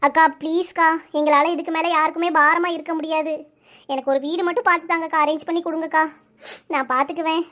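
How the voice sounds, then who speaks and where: A woman's voice: very high-pitched, fairly even intonation, a bit bright. A woman voicing a mistreated young village woman in her twenties in a cartoon, telling her hardships in a tearful, pleading way. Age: 20s. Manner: tearful, pleading, rapid storytelling. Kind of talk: cartoon voice acting.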